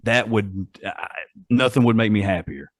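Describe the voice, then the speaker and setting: A male podcast host chatting casually, easygoing and full of jokes. His voice sits on the low side. The sound is dry and close to the mic. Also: normal speed, no room sound. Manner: easygoing, joking, affectionate.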